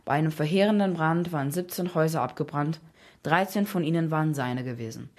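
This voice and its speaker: A woman narrates a story from a script, stopping now and then to explain old words. Her voice sits on the lower side for a woman. The delivery is measured and steady. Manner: explains Latin terms as she reads.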